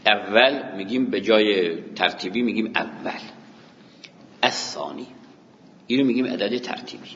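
A man's voice: lowish voice, fairly bright tone, a little hiss or hum. A man teaching a grammar class, explaining patiently and counting aloud, speaking to his students. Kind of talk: classroom lecture. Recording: dull recording with long hall reverb.

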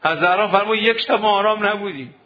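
A man preaching a sermon to seminary students, exhorting them with rhetorical questions. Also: sits high. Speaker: cleric teaching seminary students. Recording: dull lo-fi recording.

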